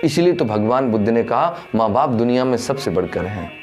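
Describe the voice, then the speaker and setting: A man's voice: mid-range voice, big pitch swings, brisk, music in the background. Man preaching a Buddhist storytelling sermon. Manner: addresses listeners as dhamma brothers, acts out dialogue with raised voice.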